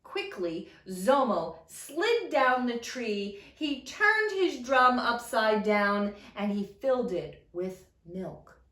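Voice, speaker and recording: In an echoing room, a little away from the mic, a woman narrates a children's trickster tale. She is dramatic and expressive, with a lively, swooping pitch and an unhurried pace. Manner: dramatic, expressive storytelling with deliberate emphasis. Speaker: storyteller reading a picture book. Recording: roomy echo, mic at a distance.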